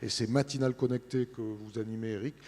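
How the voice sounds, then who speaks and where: A man presents an events programme as an interview guest, informally and haltingly, searching for words. His medium-pitched voice carries the long reverb of a large hall. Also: fairly even intonation, dark tone. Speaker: interview guest representing a newspaper. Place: large studio set in a big hall.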